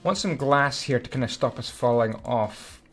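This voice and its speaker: A man's voice: medium pitch, normal speed, fairly bright tone. Scottish man, easygoing build commentary, mid-range voice, mutters and hums between thoughts. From Scotland. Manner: chatty, hums and mutters while concentrating. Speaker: Minecraft YouTuber.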